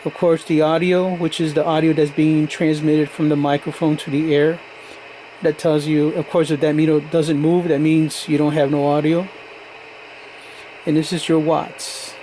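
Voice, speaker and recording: A slightly high-voiced man with a darkish tone shows how some radio equipment works, going step by step in a plain, casual, hobbyist manner. The recording is noisy, carrying radio static and background noise.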